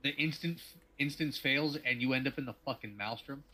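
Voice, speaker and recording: A man's voice: medium pitch, a little fast, pushed and bright, low-quality recording. A man chatting casually while gaming, full of bro slang and heavy swearing. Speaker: gamer on a stream.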